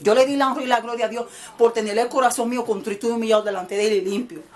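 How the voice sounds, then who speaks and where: High-voiced woman preaching a rambling sermon. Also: fairly even intonation, rapid-fire, darkish tone. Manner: rambling, emphatic, mixes in English words. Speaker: evangelist preacher. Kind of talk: informal YouTube sermon.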